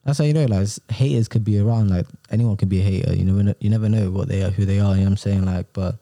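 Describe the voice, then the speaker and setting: A man's voice: lowish voice, steady tone, racing, creaky, dark tone, dry recording. A young man with a London urban roadman accent, hosting a casual chat full of street slang and tag questions. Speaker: podcast host.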